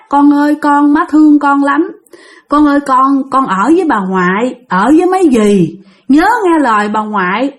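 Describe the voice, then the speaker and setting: Woman narrator doing a vengeful female ghost, lilt, piercing high voice. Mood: tearful tender. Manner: shrill, ranting, then wailing and pleading.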